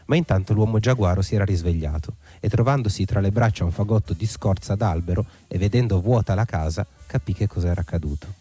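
Dark-voiced male storyteller, faint music. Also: sits low. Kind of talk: folk tale reading. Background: faint instrumental music.

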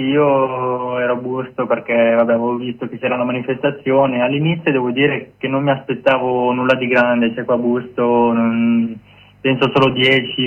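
A man speaking on speakerphone over a phone line as a guest activist in a radio interview, telling his story plainly. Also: medium pitch.

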